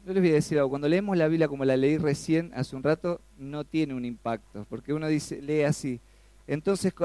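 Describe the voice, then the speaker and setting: Male preacher, gravelly voice, animated sermon, dry close recording. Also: on the high side, dry recording. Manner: animated, rises sharply when acting out pleas; asks the congregation questions.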